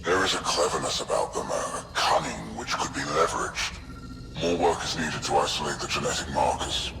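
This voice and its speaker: Heavily acted with vocal fry, an animated bass voice portrays a cold alien overlord in a sci-fi video game, imperiously studying his captive specimens. His dramatic monologue is measured, clinical, grandiose and menacing, carrying cold contemplation over loud background music.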